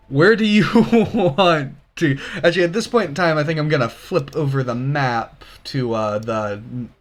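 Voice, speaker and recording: Slow-talking young man running a tabletop game. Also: mid-range voice. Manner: hesitant, many fillers, laughs often. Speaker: game master.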